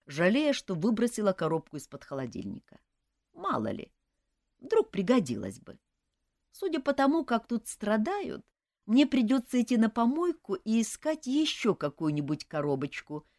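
A woman's voice: on the high side, sing-song, normal speed, darkish tone, no echo. A woman narrating a first-person story with dry, sarcastic humor, also voicing the heroine's own lines. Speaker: audiobook narrator.

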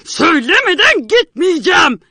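A woman voicing a furious middle-aged male painter who shouts and shrieks in a storybook reading. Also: sing-song, normal speed, no echo, full character voice. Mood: enraged. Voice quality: shrill yelling.

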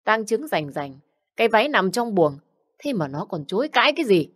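A woman's voice: mid-range voice, sing-song, fairly quick, pitched above the performer's own voice. A woman voicing a stern old mistress of a household who scolds and gives orders. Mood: commanding. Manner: commanding, scolding.

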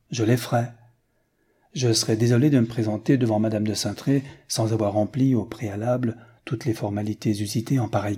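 A man's voice: mid-range voice, warm tone, slightly rough, close to an everyday voice. A man reading as a frank, earnest American suitor. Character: rich American man seeking a bride.

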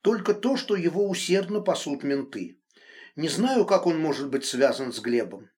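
An enraged, possessive middle-aged husband bursts out in high, loud accusations and drops to hissed threats, as a male audiobook narrator puts him on. His voice swings widely between shouting and whispering. The reading is a plain audiobook delivery. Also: lively intonation, normal speed, natural voice. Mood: curt. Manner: shouting accusations, then hissing low threats. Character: angry middle-aged married man, controlling and furious.

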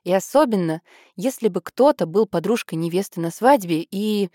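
Woman reading a gloomy young woman, grumbly eldest sister, dark mellow tone. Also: mid-range voice, animated, normal speed, dry recording, clean studio sound, lightly acted. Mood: glum. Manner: glum, muttering.

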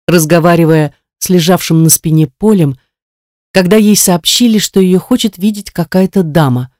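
An audiobook narrator reading a story in a measured, even manner. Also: mid-range voice, dry recording, studio quality. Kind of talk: scripted narration. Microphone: studio microphone.

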